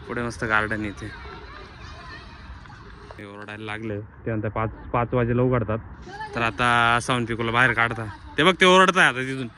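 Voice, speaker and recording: A chatty man narrating a family outing straight to his viewers, with a mid-range voice and an easy, conversational manner. He records outdoors on a handheld phone. Loud traffic and street noise run underneath. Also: mid-range voice, moderate pace, long pauses. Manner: chatty, addresses viewers as friends, hurries the children along. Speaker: family vlogger. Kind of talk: casual vlog narration to viewers. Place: outdoor public garden.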